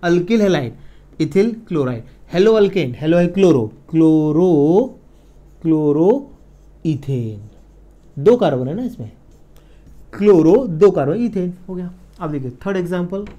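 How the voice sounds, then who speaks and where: A man teaching chemistry in an exam-prep lecture, repeating key slowly and checking in with his students. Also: high-pitched, animated, mellow, muffled recording. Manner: repeats key words slowly, counts aloud, checks in with the listener.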